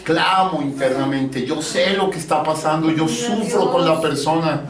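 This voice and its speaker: Middle-aged Colombian pastor, slightly high voice, preaching in a reverberant church, heard from a distance. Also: male voice, moderate pace, crowd noise. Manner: preaches in call and response with the congregation. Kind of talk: sermon and closing prayer. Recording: roomy church from a distant mic. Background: congregation answering amen.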